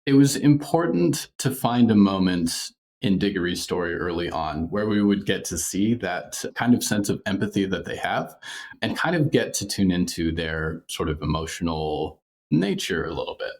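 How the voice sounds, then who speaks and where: A man talks as a podcast creator in a relaxed interview, explaining things thoughtfully and good-humoredly and chuckling often. His voice is low and darkish, with lively intonation at a normal speed.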